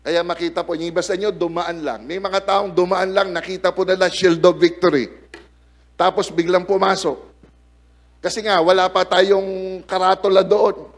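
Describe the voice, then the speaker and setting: A man's voice: high voice, normal speed. A middle-aged male pastor preaching a sermon to his congregation in church, telling stories and calling out for amens. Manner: lively, calls out to the congregation for amens. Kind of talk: sermon with storytelling. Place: church service before a congregation.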